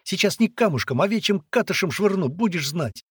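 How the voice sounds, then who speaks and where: A man reading aloud and voicing a spirited, bossy little girl who chatters in hushed, urgent tones. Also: on the high side, expressive, moderate pace, breathy edge, dry recording, studio quality, pitched above the performer's own voice. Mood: chattering.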